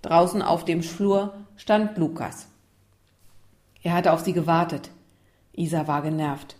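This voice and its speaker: A woman's voice: on the low side, measured pace, a little mellow. Woman reading a children's story. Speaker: narrator.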